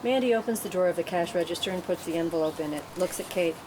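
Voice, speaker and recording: A woman with a lowish voice races through stage directions as narrator at a script table read, delivering them matter-of-factly. The room recording is clearly noisy.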